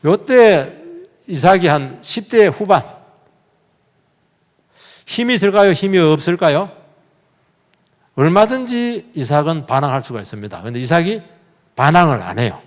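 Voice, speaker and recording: A man's voice: a little high, normal speed, pauses often. A male pastor preaching a sermon in a church, telling the story vividly and putting questions straight to his congregation. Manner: lively, questions the congregation directly; animated storytelling with sudden emphatic bursts. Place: church sanctuary. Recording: long reverb of a church hall.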